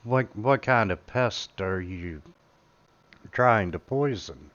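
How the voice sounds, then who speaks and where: A man voicing a shrewd male merchant who speaks in a halting, stammering way. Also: lowish voice, expressive, crowd noise. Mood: puzzled, incredulous. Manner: halting, full of stammers and filler sounds. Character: gruff male merchant, shrewd, rule-minded shopkeeper. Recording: dull lo-fi recording.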